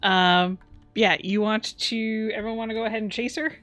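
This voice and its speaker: A woman's voice: mid-range voice, fairly even intonation, moderate pace, fairly bright tone, soft background music. A woman narrating as game master of a tabletop game on a stream, giggly and hesitant, full of fillers.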